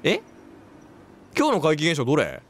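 A man's voice: fairly high pitch, huge pitch swings, normal speed, a little hiss or hum. A man giving let's play commentary on a game, reacting, quipping and talking to himself as he plays. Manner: reactive, talks to himself, quips and exclaims.

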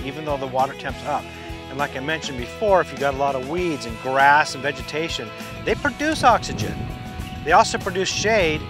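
With guitar music playing underneath, a medium-pitched middle-aged fishing instructor explains practical tips step by step from a lakeside boat. His outdoor instructional talk is marked by frequent restarts.

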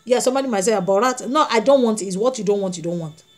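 A woman's voice: medium pitch, rapid-fire. A woman preaching a sermon, emphatic and repeating her key phrases as she tells stories. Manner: storytelling with acted quotes.

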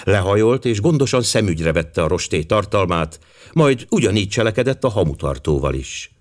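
A male audiobook narrator with a low voice that still moves a lot in pitch. He reads in a measured, expressive storytelling manner.

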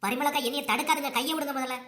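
A woman's voice: high-pitched, fairly even intonation, slight background noise. Fiery young cartoon daughter-in-law, voiced by a woman. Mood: furious. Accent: Kanyakumari Tamil. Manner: fast, shouting threats, combative. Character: hot-tempered young daughter-in-law, fierce and defiant. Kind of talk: cartoon comedy voice acting.

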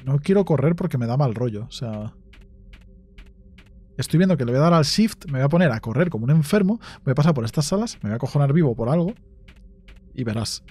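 A man's voice: mid-range voice, expressive, fairly quick, long pauses, darkish tone, husky. A man with a Spain Spanish accent giving let's play commentary on a horror game, jumpy, swearing often and talking to himself. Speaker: gaming YouTuber.

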